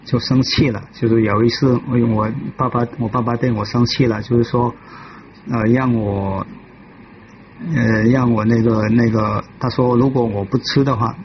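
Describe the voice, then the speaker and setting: A man giving a personal testimony in a halting way, often restarting and repeating himself. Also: medium pitch, dull audio, background noise. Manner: halting, with many restarts and repetitions. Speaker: devotee telling his life story.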